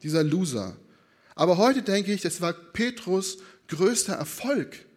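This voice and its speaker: This preacher has a high voice and talks a little slowly, keeping his sermon conversational. Tag questions come up often as he checks in with listeners, along with lively re-enacted quotes.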